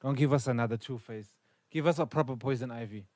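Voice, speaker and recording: A man co-hosting a podcast in casual chat, excitable and quick to laugh, often restarting his sentences. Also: mid-range voice, dry recording. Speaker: podcast co-host.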